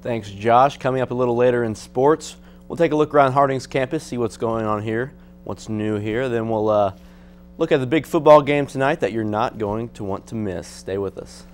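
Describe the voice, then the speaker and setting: A man's voice: medium pitch, normal speed, a little hiss or hum. A young American man presenting sports on a student newscast in a conversational, colloquial style. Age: young adult. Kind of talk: conversational sports news delivery.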